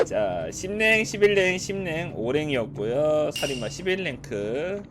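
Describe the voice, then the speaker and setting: A man narrates his horror game run in a high, lively voice. He talks unhurriedly, bursts out excitedly and laughs at the game. A loud hum of noise sits under the recording. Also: slow pace. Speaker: game streamer. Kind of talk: casual gameplay commentary.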